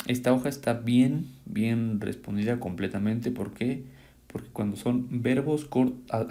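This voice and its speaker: A man walks through homework corrections in an even, mid-range voice. He explains grammar rules patiently and step by step, often checking in with his students. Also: mid-range voice, vocal fry. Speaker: English teacher. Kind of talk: reviewing homework in a recorded lesson.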